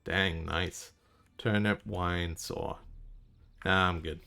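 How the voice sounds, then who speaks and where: Man wry low-voiced streamer. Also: fairly even intonation, slow pace, creaky, pushed and bright. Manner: wry, offhand, swears freely. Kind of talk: casual live game commentary. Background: game music.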